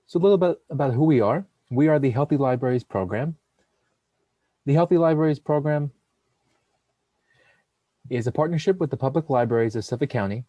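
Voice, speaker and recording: A man's voice: medium pitch, dry recording. A young man, a nursing student, hosting a webinar and steadily reading out a prepared script over a computer mic. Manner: steady, reads long lists of names and titles. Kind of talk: read webinar presentation.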